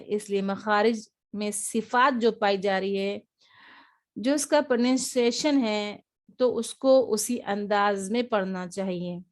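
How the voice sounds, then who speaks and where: A woman gives an online lesson on reading letters. She speaks in a fairly high voice and repeats each sound slowly and patiently, as if her students are following along. She talks over a shared screen rather than to the camera. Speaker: Quran reading teacher.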